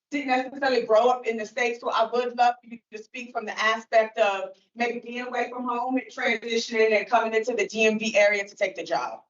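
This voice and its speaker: A woman moderating a recruitment event, upbeat and quick to say "perfect" between speakers. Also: a little high, distant mic. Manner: upbeat, says "perfect" often. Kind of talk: casual public talk. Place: meeting room. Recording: echoey, muffled room from afar.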